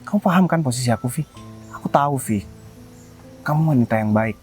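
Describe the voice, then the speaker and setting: A man's voice: medium pitch, animated, a little fast, darkish tone, faint music behind, close to an everyday voice. A man playing a rich young man in disguise who talks hesitantly and apologetically in a web drama. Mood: earnest. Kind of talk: low-budget web drama acting.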